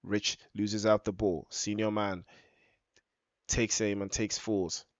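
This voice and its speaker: Man commentating football, drawn-out excited goal shouts. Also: fairly low pitch, no room sound, highs cut off. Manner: drawn-out excited shouts on goals and big chances. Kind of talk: live match commentary.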